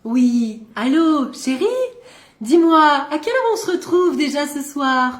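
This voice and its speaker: Woman as theatrical jealous wife; very high pitch, roomy echo. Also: expressive, a little slow. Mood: sarcastic. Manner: sarcastic, theatrical. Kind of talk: comedy sketch.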